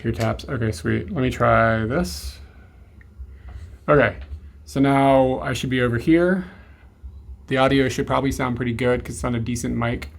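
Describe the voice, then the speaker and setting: A man talking casually and haltingly, unscripted, as a streamer setting up and chatting with viewers. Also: medium pitch, gravelly. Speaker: livestream host.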